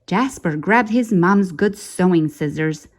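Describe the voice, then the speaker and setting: A woman reads a children's picture book aloud with theatrical suspense, her pitch leaping about in a very animated way. She takes her time, dramatically drawing out key words in expressive storytime narration.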